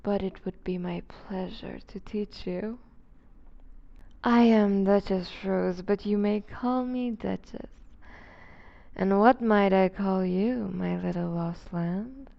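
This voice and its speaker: A woman playing a seductive, predatory vampire duchess in an intimate ASMR roleplay, refined, teasing and condescending, with a breathy voice that slips toward a whisper. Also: medium pitch, highs cut off. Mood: gracious, wistful. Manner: refined, teasing, condescending, deliberate formal diction.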